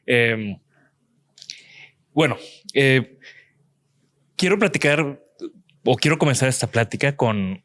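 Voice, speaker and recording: A man hosting a podcast interview, talking in a relaxed, rambling way with frequent restarts. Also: mid-range voice, slow pace, long pauses, dry recording, studio quality. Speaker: podcast host. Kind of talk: casual interview chat. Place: museum house-studio.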